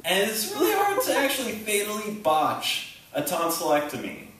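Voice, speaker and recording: Rambling young comedian in an echoey room. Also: male voice, high-pitched, huge pitch swings, fairly bright tone. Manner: halting, rambling delivery with frequent ums and self-interruptions. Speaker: stand-up comedian. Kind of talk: open-mic stand-up set. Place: small theater stage with a laughing audience. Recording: echoey room recording from a distant camera.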